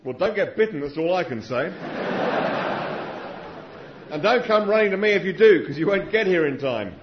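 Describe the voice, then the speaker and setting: A man doing a fed-up Australian doctor who has had enough of venom, grumbling and rambling in a high, light voice. The recording sounds dull and lo-fi. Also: lively intonation, normal speed, echoey room, background noise. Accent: Australian (put on).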